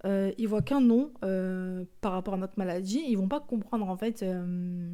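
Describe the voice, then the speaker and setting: A woman's voice: mid-range voice, moderate pace, mellow. A woman with a Marseille accent hosting a personal podcast monologue, outspoken and hesitant, full of fillers and restarts. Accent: Marseille French. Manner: outspoken and indignant. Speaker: podcast host.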